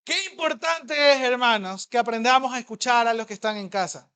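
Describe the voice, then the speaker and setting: A man's voice: extremely high pitch, animated, clean tone. Emphatic, conversational male preacher. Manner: emphatic, swings loud and soft, rhetorical questions to the congregation; conversational, fast at times. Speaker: pastor. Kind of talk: sermon.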